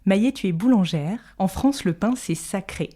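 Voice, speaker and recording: A woman hosting a podcast, narrating an intro and asking interview questions in a measured, gently hesitant way. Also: mid-range voice, expressive. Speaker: podcast host.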